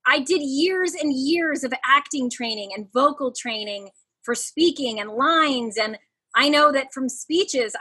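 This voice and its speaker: On a casual podcast, a woman in her forties who works as a coach shares stories in a high, youthful-sounding voice. Expressive and animated, she keeps a bright, forward tone and laughs readily.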